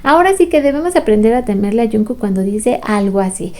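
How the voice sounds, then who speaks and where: A woman's voice: on the high side, expressive, quick pace, darkish tone. A woman giving a chatty, playful recap of a show, acting out quoted lines as she goes. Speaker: fan recap commentator. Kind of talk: casual recap commentary.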